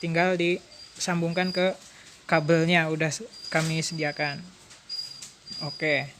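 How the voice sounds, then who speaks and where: A woman's voice: low voice, flat delivery, slow, background noise. A woman, demonstrating a motorcycle alarm step by step in a chatty way. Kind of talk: casual product demonstration.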